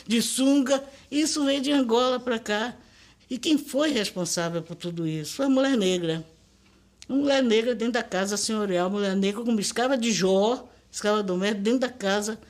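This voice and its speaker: Older woman, Brazilian Portuguese accent, linguist, emphatic, teaching tone, mid pitch. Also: darkish tone. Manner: emphatic, didactic, spells out pronunciations. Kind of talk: documentary interview.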